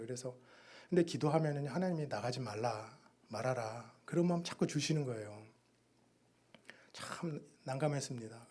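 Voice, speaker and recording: A man giving a missionary's sermon testimony in a church, telling his story with sudden loud and soft turns. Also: medium pitch. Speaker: missionary preacher.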